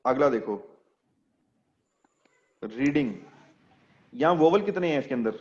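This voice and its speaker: A man's voice: medium pitch, lively intonation, unhurried, darkish tone, highs cut off. A man teaching an English class online, explaining step by step and quizzing his students as he goes.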